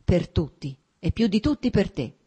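A woman's voice: lowish voice, big pitch swings, moderate pace, dark tone, slightly rough, full character voice. A woman reading an earnest, uneasy young officer. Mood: insistent. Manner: earnest, insistent, pleading.

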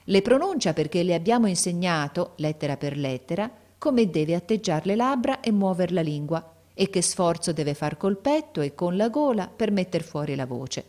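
A woman reading a story aloud, voicing a calm, patient schoolteacher who explains things carefully. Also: on the low side, close to an everyday voice. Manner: explaining, measured, reassuring.

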